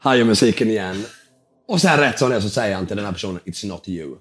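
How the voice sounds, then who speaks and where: In a fairly low voice, a guest entrepreneur relaxes into an interview story, performing the dialogue with energy. He's casual, slips in English terms, and swears now and then.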